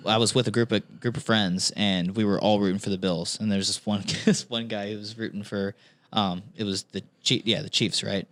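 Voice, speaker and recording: Podcast guest, male, somewhat low voice, dry close mic, easygoing with many fillers. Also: fairly even intonation, fairly quick, fairly bright tone, no echo. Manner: easygoing, hesitant, laughs often. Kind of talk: casual sports chat.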